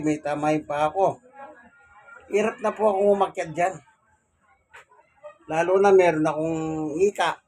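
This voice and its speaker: A Filipino senior citizen in his sixties, with a slightly high voice, vlogs from inside his home while doing laundry and climbing the stairs. Speaking politely to viewers, he mixes talk of his chores with devout, gently preachy reflections on thanking God.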